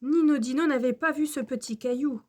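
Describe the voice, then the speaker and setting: A woman storyteller reading a children's storybook aloud in a slow, gentle manner. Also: high voice.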